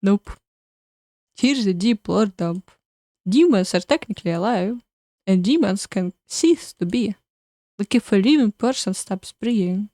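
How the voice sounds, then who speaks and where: A woman's voice: mid-range voice, expressive, a little slow, mellow, no echo, clean studio sound, natural voice. A woman voicing a cheerful, laid-back male party demon in a dating game, breezy and jokey. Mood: explaining. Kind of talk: reading a game character aloud.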